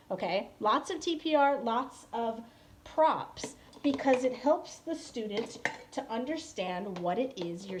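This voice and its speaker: Woman, online english teacher, casual home classroom tour, chatty and direct with viewers, slightly high voice, faint background noise. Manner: chatty, keeps addressing viewers with y'all and right.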